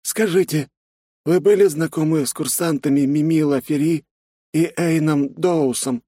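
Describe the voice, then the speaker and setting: A man voicing a calculating male chief interrogator in an audiobook, slow and measured as he speaks. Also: a little high, warm tone, husky, no echo, studio quality, pitched above the performer's own voice. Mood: cool.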